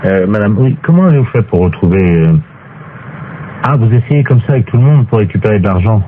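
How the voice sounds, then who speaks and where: Fast, low-voiced officious man acting as agent, landline. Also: animated, lightly acted. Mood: officious, stern. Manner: officious, hesitant, repetitive. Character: officious, pushy mutual-aid committee agent. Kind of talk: prank phone call role-play. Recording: tinny, hissy landline phone.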